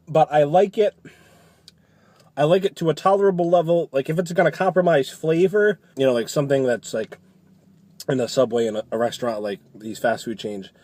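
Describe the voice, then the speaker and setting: A man's voice: mid-range voice, darkish tone, no room sound. Man, mid-range voice, casual food reviewer, chatty, loose rephrasing delivery, dry sound.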